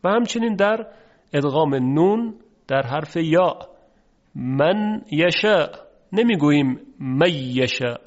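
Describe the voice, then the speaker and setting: A man teaching Quran recitation rules, explaining patiently and drawing out the example words slowly. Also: on the high side, animated, darkish tone, lo-fi sound. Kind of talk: recorded lesson explanation.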